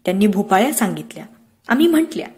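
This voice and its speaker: A woman narrating an audiobook with measured, expressive storytelling. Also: medium pitch. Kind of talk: scripted narration of a classic novel.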